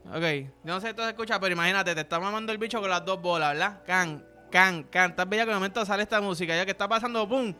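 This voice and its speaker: A man's voice: high voice, racing, hardly any pauses, pushed and bright. A young man with a Puerto Rican accent, hosting a podcast in a crude, rambling, joking monologue. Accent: Puerto Rican Spanish. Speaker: podcast host. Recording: music playing in background.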